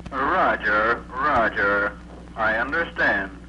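An actor playing a male aircraft radio operator giving brisk acknowledgements, played back from an old wire recording of a radio transmission. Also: lowish voice, animated. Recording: muffled old wire recording with heavy noise.

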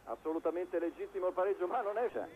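High-pitched male football commentator. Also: quick pace. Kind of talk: live football commentary on television. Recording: dull lo-fi broadcast, noisy stadium ambience. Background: stadium crowd noise.

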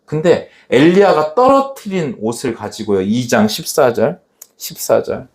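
A man's voice: medium pitch, sing-song, moderate pace. A man preaching a sermon in a church, acting out the scripture scenes dramatically as he tells them. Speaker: pastor.

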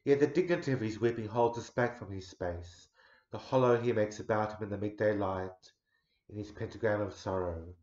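A man in his forties giving a dramatic poetry recital, measured, swelling loud and sinking to a near hush. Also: lowish voice. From Australia. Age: 40s. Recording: roomy echo, dull lo-fi sound.

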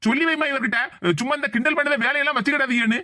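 A performer voicing a lovesick young cartoon son with a Tirunelveli Tamil accent. His voice is high and he talks quickly. He complains in a touchy, quick-tempered way. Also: sharp tone. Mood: sulky angry. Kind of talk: animated comedy sketch voice acting.

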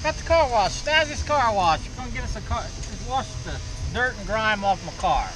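A man's voice: high-pitched, lively intonation, normal speed, over music, low-quality recording. An older man at an outdoor car wash bay, giving short, laid-back replies. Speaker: vlogger's companion. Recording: action camera with loud car wash noise.

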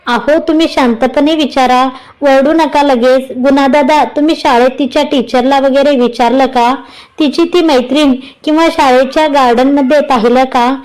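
A caring young wife in a storybook reading, voiced by a woman. She calms everyone with soft reassurance, her voice high and clear. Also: normal speed, natural voice, rough recording. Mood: calming. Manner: soothing, reassuring.

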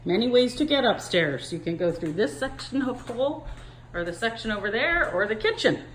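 A woman's voice: on the high side, very animated, moderate pace, slight background noise. A real estate agent walking through a large house, chatting as she points out rooms and getting a little out of breath. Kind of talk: walking house tour narration.

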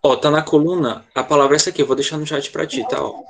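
A man's voice: fairly high pitch, steady tone, fast, a little hiss or hum. A man teaching an online English lesson to children, patient and constantly checking in with short questions. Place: online class over a video call.

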